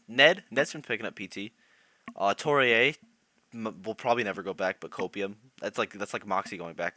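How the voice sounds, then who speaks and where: A man's voice: on the low side, bright, forceful tone, no echo. A young man on a live stream, chatting casually about competitive players and reacting to chat, laughing often.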